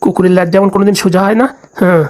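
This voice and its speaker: A woman's voice: medium pitch, level tone, rapid-fire, a little mellow, lightly acted. A woman playing a stubborn, stingy middle-aged husband in a comedy skit, with grumbling, wheedling talk.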